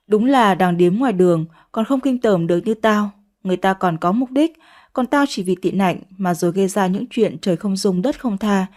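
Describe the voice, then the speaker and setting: A woman's voice: medium pitch, normal speed, darkish tone, natural voice. A woman voicing a remorseful young woman who begs forgiveness in a pleading, ashamed way.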